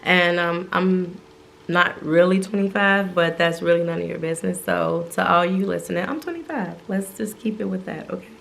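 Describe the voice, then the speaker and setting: Laid-back woman chatting with her partner, joking around, voice a bit gravelly. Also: fairly low pitch, normal speed, fairly bright tone, slight background noise. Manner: playful, chatty, laughs often. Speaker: co-host of a couple's channel. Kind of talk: casual chat.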